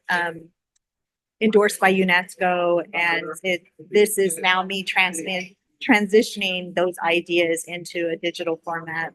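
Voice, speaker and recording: A woman's voice: fairly low pitch, a bit bright, no room sound, rough recording. A woman co-organizing a hackathon, talking in a friendly, casual way on a video call, with many fillers.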